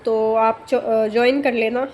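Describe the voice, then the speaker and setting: Softly explaining woman shorthand teacher. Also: a little high, flat delivery, soft background music. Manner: explains slowly with many fillers and "theek hai" checks. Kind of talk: casual spoken lesson.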